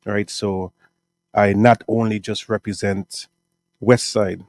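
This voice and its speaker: Low-voiced Guyanese man, laid-back talk. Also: slow, no room sound. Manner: relaxed, rambling, frequent "right?" and "um". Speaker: music artist and producer. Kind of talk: casual interview answers.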